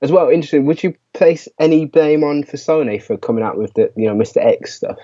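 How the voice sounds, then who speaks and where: A man speaks in a mellow, relaxed voice as an easygoing podcast co-host who agrees readily. His audio sounds dull and lo-fi, with the highs rolled off. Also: fairly quick. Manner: agreeable, many "yeah"s and "you know"s. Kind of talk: casual fan podcast chat.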